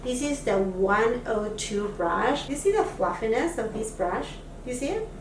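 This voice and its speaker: Chatty and excited about her products, a woman from Peru tries on makeup for her beauty vlog, filling her talk with fillers in a voice on the high side. She's recorded by a distant camera mic in a home room, so it sounds echoey and a bit off-mic, with slight hiss or hum.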